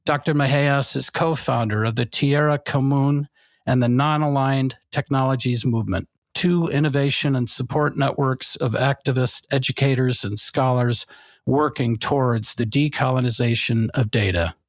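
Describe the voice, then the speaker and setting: Man narrating a podcast intro, even formal reading, mid-low voice, dry studio sound. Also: moderate pace, no echo. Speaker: podcast announcer. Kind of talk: scripted narration.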